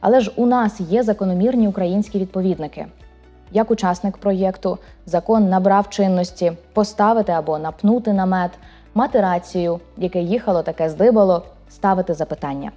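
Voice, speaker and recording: A woman hosting a language program, reading a scripted narration with clear, deliberate delivery of word examples. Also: medium pitch, warm tone, soft background music. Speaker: program host.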